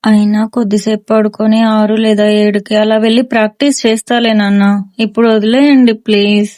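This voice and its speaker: A woman's voice: medium pitch, level tone, brisk, darkish tone, no echo, clean studio sound, close to an everyday voice. A woman voicing a lazy, sleepy young man who whines and complains to his father, in a storybook reading. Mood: whiny.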